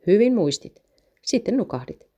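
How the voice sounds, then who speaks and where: A gentle, comforting mother, as a woman reads her. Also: medium pitch, sing-song, breathy edge.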